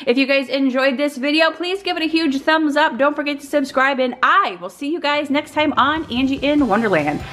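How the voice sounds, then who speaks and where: A woman's voice: high voice, fairly quick, few pauses, fairly bright tone. A woman in her thirties chatting casually through a haul video in her home kitchen, upbeat and full of ums. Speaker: vlogger.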